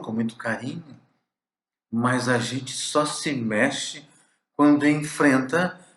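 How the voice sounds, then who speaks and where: A man with a Brazilian Portuguese accent giving a spiritist lecture, slow and emphatic, with dramatic pauses and soft drops. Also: mid-range voice, roomy sound.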